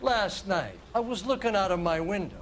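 Cranky old nosy neighbor in a detective game, high and all over the place, gruff. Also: male voice, expressive, normal speed, a little hiss or hum. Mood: grumbling. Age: older. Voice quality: gruff, cantankerous. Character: grumpy nosy old male neighbor, bigoted.

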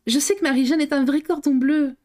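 A woman reading aloud voices a cheerful, spontaneous young woman. Her lines are pitched above the reader's own voice and have a bright, lively ring. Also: moderate pace, lightly acted.

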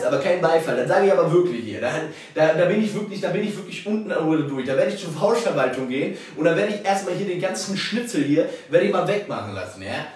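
A cranky older caretaker, voiced by a man, who lectures everyone in a high, sing-song, blustering voice. He throws out odd made-up insults. Everything rings in a very echoey room. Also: natural voice. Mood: indignant. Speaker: prankster.

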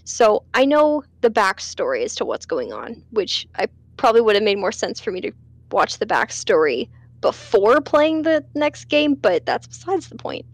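A woman's voice: fairly high pitch, big pitch swings, moderate pace, no room sound. A woman hosting a let's play, chatting in a rambling way with lots of fillers and restarts. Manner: rambling, with many fillers and self-corrections. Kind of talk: casual game commentary.

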